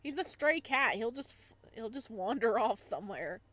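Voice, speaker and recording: A woman live streamer reads a visual novel aloud and chats casually, dropping giggly, playful asides. Her voice is a little high and a bit bright, expressive, and she speaks at a normal speed.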